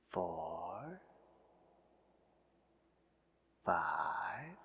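A man voicing a huge, greedy male otter in a hypnosis roleplay, speaking in a slow, coaxing, teasing way. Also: on the low side, a bit bright, slight background noise, full character voice. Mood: soft, hypnotic.

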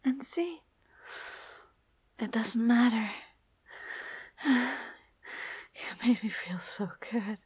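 A young woman speaking in an intimate audio roleplay, breathy and soft, often sinking to a whisper close to the mic. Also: a little high, drawn-out words, long pauses, dry recording.

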